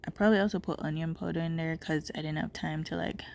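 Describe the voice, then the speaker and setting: A young cooking vlogger from Jamaica rambles chattily over her cooking footage in a Jamaican accent, a bit stuffy from a cold. She speaks quickly in a low, fairly even voice with vocal fry and a slightly mellow quality. The camera mic across her home kitchen adds a little hiss or hum.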